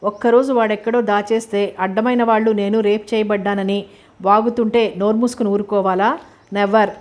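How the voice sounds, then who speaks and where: A woman voicing a fiery, defiant young woman who answers in sharp, indignant outbursts, in a storybook reading. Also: medium pitch, little pitch movement, fairly quick, close to an everyday voice. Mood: furious.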